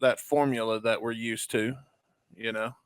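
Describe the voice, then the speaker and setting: A man's voice: mid-range voice, steady tone, normal speed, smooth, no room sound. A man from the southern United States co-hosting a music review show in casual chat. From Memphis, United States.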